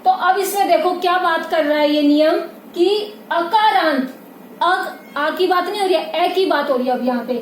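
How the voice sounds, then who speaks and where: High-voiced woman teaching grammar, echoey room. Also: normal speed. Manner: patient, repeats points, calls students "beta", frequent check-ins. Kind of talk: classroom grammar lesson. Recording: echoey room with faint noise.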